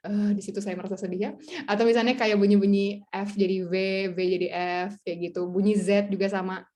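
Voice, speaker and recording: A young adult woman speaking as a guest tutor in a casual webinar talk over a video call, chatty and animated, laughing often and acting out other people's replies. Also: mid-range voice, fast talker. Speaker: guest speaker, French tutor and content creator.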